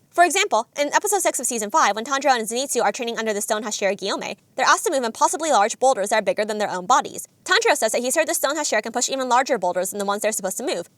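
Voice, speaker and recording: Fast-talking woman narrating a video essay. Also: on the high side, a bit bright, no echo. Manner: analytical, enthusiastic.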